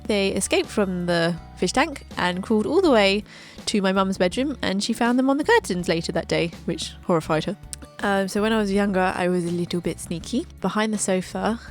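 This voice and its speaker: A woman's voice: medium pitch, expressive, a little fast, few pauses, soft background music. A woman, narrating her own life story with chatty, joking asides. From England. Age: 20s. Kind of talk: scripted narration over a drawing video.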